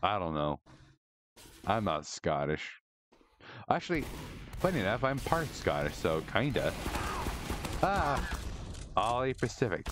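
A man streaming a shooter game live, commenting excitably, swearing a lot and rambling to his chat. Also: sits low, normal speed, pauses often, noisy background. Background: game music.

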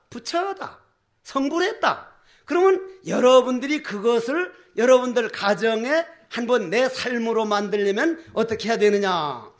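An older Buddhist monk with a very high-pitched voice delivers a dharma talk as a sermon. His preaching is folksy and animated, packed with rhetorical questions.

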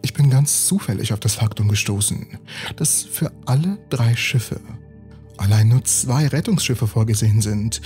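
A man voicing a poised, earnest young woman scientist in a calm, measured way. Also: medium pitch, soft background music, lightly acted.

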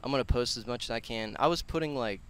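A man in his twenties, a personal trainer and gym owner, speaks as a podcast guest on a concrete patio outdoors, using a headset mic. His medium-pitched voice moves at a quick pace as he rambles casually and earnestly in slang, with slight background noise.

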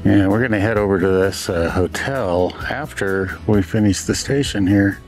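A man casually narrating a travel vlog as he walks around, relaxed and unhurried. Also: lowish voice, soft background music. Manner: relaxed, unhurried commentary while walking around. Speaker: travel vlogger. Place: walking around a train station and hotel, indoors and outdoors.

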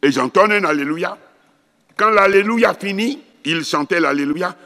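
An older man giving an animated charismatic teaching, telling stories and chanting syllables as he teaches. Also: sits high, normal speed. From West Africa. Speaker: preacher. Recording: long hall reverb.

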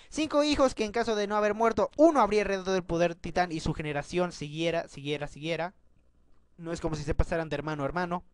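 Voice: medium pitch, dry recording. An anime commentator who rambles and thinks aloud, firing off one rhetorical question after another in casual video commentary.

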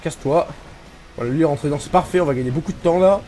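A man from France giving casual, excitable commentary over his racing game, swearing and mocking himself. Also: a little high, quick pace. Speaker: gaming YouTuber. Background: game music.

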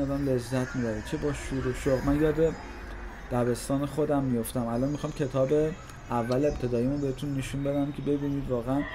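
Man, 30s, from Iran: conversational, reflective walking-tour vlogger, mid pitch, recorded outdoors with clear traffic noise. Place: city streets outdoors near schools. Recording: street noise clearly audible. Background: traffic and street ambience.

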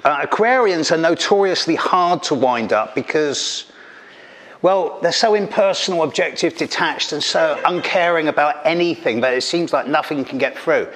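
A middle-aged Englishman, a stand-up astrologer, works the stage of an event hall with a handheld mic, delivering a caustic, teasing, punchy routine. His voice sits on the high side, a bit bright, with lively intonation at normal speed, and the audio is poor with slight background noise.

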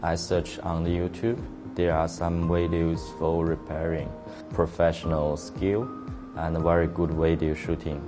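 Very deep, flat-voiced man. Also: a little slow. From Australia. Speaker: training course participant. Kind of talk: interview testimonial. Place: indoor studio with grey backdrop. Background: music bed.

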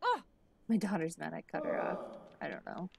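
Over background game music, a congested woman in her thirties offers casual commentary on a life-simulation game from a desk at home, using a headset. She's chatty and thinks out loud, her nose stuffed up from allergies. Her fairly low, darkish voice is slightly rough with vocal fry, swooping wildly in pitch at a normal speed.

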